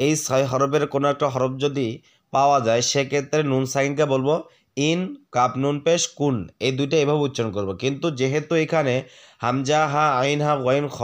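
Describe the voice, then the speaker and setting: A man teaching the rules of Quran recitation, patiently spelling out each letter, asking the viewer questions and reciting words slowly for them to repeat. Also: medium pitch. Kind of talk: tajweed lesson, spelling out letters and drawn-out recitation.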